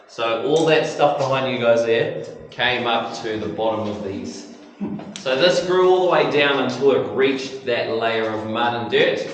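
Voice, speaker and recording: A man speaks as an informal tour guide, explaining things to a group in a casual, instructive way. His medium-pitched voice rings with a heavy cave echo. He is picked up some distance from the microphone, with slight noise around him. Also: fairly bright tone. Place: inside a limestone cave. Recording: echoing cave, distant mic, faint noise.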